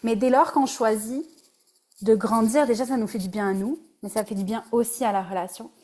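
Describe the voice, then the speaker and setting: A woman's voice: fairly high pitch, fairly even intonation, fairly quick, a little mellow. A woman with a Québécois French accent, a relationship coach giving a casual, conversational webinar presentation and dropping in English words.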